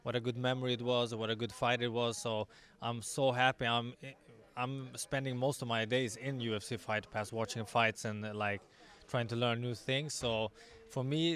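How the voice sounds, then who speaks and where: A confident young man, an MMA fighter giving a sports interview in halting English with repeated words. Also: mid-range voice, fairly bright tone. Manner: confident, self-assured. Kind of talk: post weigh-in sports interview.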